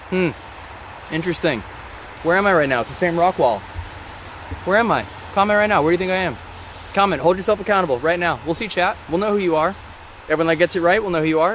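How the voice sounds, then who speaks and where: A man hosting a live-stream vlog outdoors, talking in an excitable, rambling and emotional way. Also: high voice, quick pace, long pauses, slight background noise. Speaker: ghost-hunting channel host. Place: outdoors by a rock wall during a thunderstorm. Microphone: phone or camera on a live stream.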